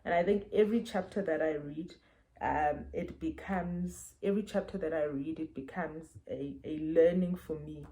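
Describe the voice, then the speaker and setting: A woman's voice: low-pitched, moderate pace, dark tone, low-quality recording. A woman with a South African accent, a parent casually reviewing books to camera and explaining things earnestly with examples, recorded on wireless earbuds.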